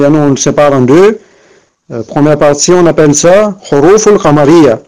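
A man's voice: a little high, a little mellow, low-quality recording. Man teaching, hesitant and repetitive. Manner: hesitant, with frequent fillers and restarts; repeats and spells out examples patiently. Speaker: Arabic reading teacher. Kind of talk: spoken lesson explanation.

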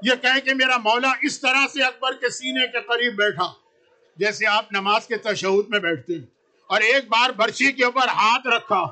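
A man preaches a mourning sermon, building his tale in short, rhythmic, emotional phrases. His voice sits very high and rings sharply bright. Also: steady tone.

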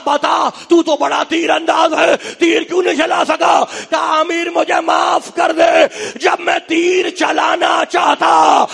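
A man delivering an impassioned mourning sermon, half chanting and crying out in sing-song wails that rise to shouts. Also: extremely high pitch, vocal fry. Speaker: preacher reciting a mourning sermon. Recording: long hall reverb with faint crowd.

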